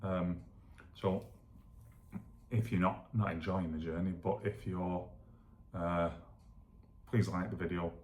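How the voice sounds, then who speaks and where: A man with a gravelly voice chatting casually as a vlogger, thinking aloud in a self-deprecating, rambling way while demonstrating exercises. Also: low-pitched, little pitch movement, slow, pauses often. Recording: echoey room.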